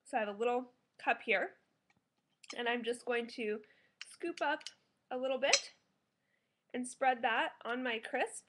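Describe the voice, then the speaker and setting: A woman's voice: a little high, unhurried, long pauses, background noise. A woman in her thirties giving a casual, enthusiastic food review to camera at home as a food blogger. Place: small living room at home, indoors.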